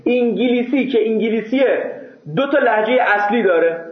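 A man with a high voice gives a seminary lecture, pressing his points with rhetorical questions he answers himself. His voice reverberates around a classroom. The sound is thin and narrow, as if heard over a phone line. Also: animated. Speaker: seminary teacher. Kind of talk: classroom lecture on Islamic jurisprudence.

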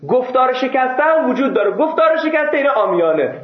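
A man's voice: very high-pitched, sing-song. A man teaching a seminary class, lecturing emphatically and answering his own rhetorical questions. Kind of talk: classroom lecture on Islamic jurisprudence. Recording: echoey room over a phone-like line.

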